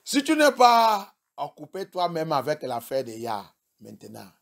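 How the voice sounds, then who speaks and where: A man's voice: on the high side, huge pitch swings, a little slow, creaky. Man preaching a bilingual sermon. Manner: switches between English and French, rising to shouts; rhetorical questions to the congregation. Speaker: pastor.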